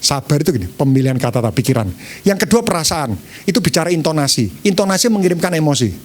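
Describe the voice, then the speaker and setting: A male pastor delivering an animated sermon in a noticeably high voice. He acts out different tones of voice for his listeners. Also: fast talker. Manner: animated, demonstrating tones of voice to the congregation.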